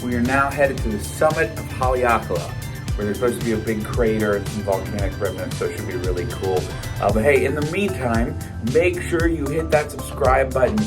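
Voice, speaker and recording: A man's voice: medium pitch, a little fast, over loud music. A man presenting like an upbeat, enthusiastic travel show host.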